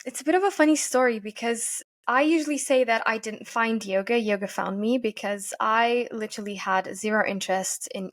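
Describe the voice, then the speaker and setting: A woman from Portugal, a yoga teacher giving earnest, thoughtful interview answers and often pausing to find her words. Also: mid-range voice. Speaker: podcast guest, yoga teacher.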